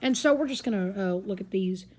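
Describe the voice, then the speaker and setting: Her voice is mid-range and a little mellow, and her pace runs slightly fast. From off screen, this woman reviews a gadget in her carpeted living room, showing it hands-on in a chatty, rambling style for a handheld camera or phone.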